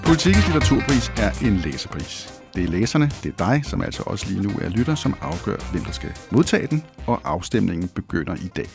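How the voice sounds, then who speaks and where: A male podcast host making a chatty announcement in a lively way, with faint music behind. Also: on the low side, vocal fry, hardly any pauses.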